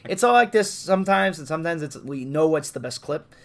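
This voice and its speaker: A man's voice: fairly high pitch, animated, brisk. A young man co-hosting a podcast in casual chat, rambling and laughing, hiccuping at times. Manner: rambling, laughing, trails off into asides. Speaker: podcast co-host.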